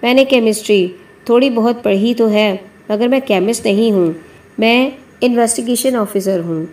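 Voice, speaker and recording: A woman reading a polite, earnest young reporter in a mellow audiobook. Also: on the high side, lightly acted.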